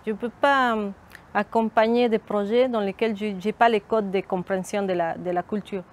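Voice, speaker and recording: A middle-aged woman with a Mexican Spanish accent speaks in a documentary interview about her community work. Her voice sits in a middle pitch, and she often pauses to search for words. There is a faint hum of noise behind her. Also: fairly even intonation. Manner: thoughtful, hesitant, frequent restarts. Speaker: community outreach worker.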